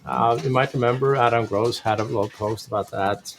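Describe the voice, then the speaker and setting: Speaking at a normal speed with fairly even intonation, this man has a medium-pitched voice. He's a tech presenter casually and informally explaining something technical on a live stream during a thunderstorm, over a clearly noisy connection.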